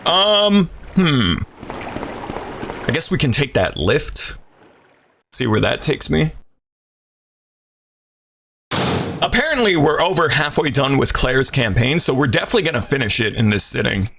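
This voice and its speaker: A man's voice: mid-range voice, sing-song, unhurried, vocal fry, long pauses, fairly bright tone. A man streaming a horror game, chatting casually and rambling with a slightly stuffy voice. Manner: rambling, self-deprecating chatter. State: stuffy from a cold. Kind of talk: casual gameplay commentary. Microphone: desk mic through an audio interface. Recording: static from a failing audio interface. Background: game music.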